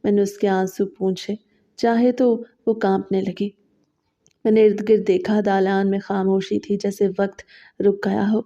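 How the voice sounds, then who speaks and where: A woman narrating a horror story in the first person, in a slow, steady, scripted way, in a dull lo-fi recording. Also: medium pitch.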